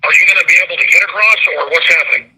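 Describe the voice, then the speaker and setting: Male talk radio host, high-pitched for a man, gravel-rough and raspy, urgent, emphatic. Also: racing, bright, forceful tone, low-quality recording. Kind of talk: talk radio interview and commentary.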